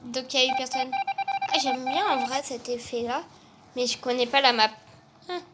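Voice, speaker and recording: A woman commenting casually on her game, unhurried and muttering asides to herself. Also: high-pitched, steady tone, very noisy. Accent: non-native English. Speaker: gamer.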